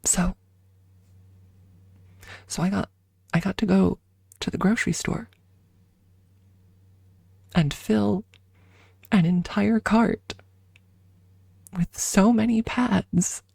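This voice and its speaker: Her voice is medium-pitched, breathy, and soft, with fairly even intonation, as she chats informally in an ASMR stream. Speaking slowly and haltingly into a close microphone with no echo, she often drops into a whisper before returning to soft talk.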